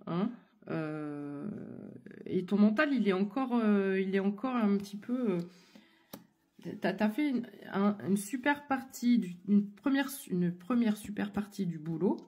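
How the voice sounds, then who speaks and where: A woman's voice: mid-range voice, warm tone, husky. A woman giving a casual tarot reading, talking straight to the listener with lots of fillers and restarts, her voice still not fully back after an illness. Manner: hesitant, many fillers and restarts, addresses listener directly. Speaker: tarot card reader.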